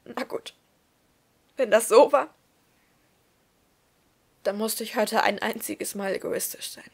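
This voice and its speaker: A young woman reading a story aloud with expression, often dropping to a soft whisper. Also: mid-range voice, slow pace, gravelly, slightly rough. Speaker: story reader.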